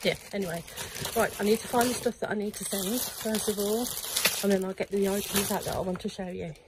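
A woman's voice: medium pitch, fairly even intonation, brisk. Woman, middle-aged, casual vlog, rambling chatter, faint background noise. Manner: chatty, rambling, many fillers; talks quietly inside the unit. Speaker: online reseller. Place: storage unit.

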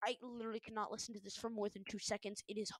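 A young woman giving casual reaction commentary, sarcastic and excitable, breaking into loud startled yelps and gasps. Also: medium pitch, very fast, dry recording. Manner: sarcastic running jokes. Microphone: headphones on while recording.

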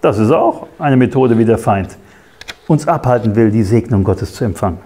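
A man preaching a sermon, talking straight to the listener and checking in with quick tag questions. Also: medium pitch, animated, warm tone.

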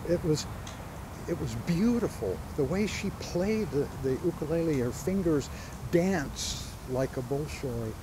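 Outdoors among palms near a church, an interview guest from Hawaii in his sixties shares family stories, gesturing animatedly. His voice is fairly high and a little slow, and the background is noisy.

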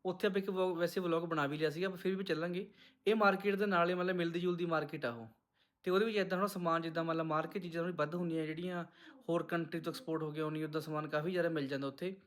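Male vlogger, Punjabi accent, higher-pitched voice, rapid chatty delivery to camera. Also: steady tone, a bit bright. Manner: chatty, addresses viewers as friends. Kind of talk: casual vlog narration to viewers.

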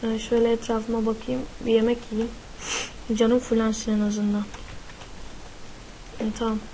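High-pitched jittery gamer girl. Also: level tone, normal speed, dark tone, a little hiss or hum, low-quality recording. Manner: frightened, swears a lot, shrieks in panic. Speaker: gaming YouTuber. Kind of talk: live gameplay commentary.

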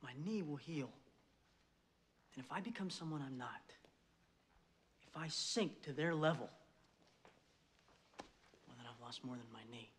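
An American actor in his thirties playing an earnest youth hockey coach giving an emphatic, deliberate halftime pep speech in a film. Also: on the high side, bright, forceful tone, slight background noise. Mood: earnest, sober. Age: 30s. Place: locker room. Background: film score music.

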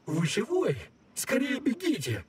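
A man's voice: extremely high pitch, huge pitch swings, a little slow, breathy edge, distant mic, heavily acted. An actor playing an anxious, wounded robot repairman in hiding, urgently warning others in a video game. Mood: alarmed.

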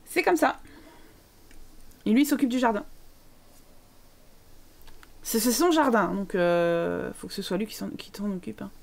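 A woman's voice: mid-range voice, unhurried, vocal fry, pauses often, darkish tone. A woman streaming a life-sim game live, chatting playfully to her characters and thanking viewers as she goes. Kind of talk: live gameplay commentary.

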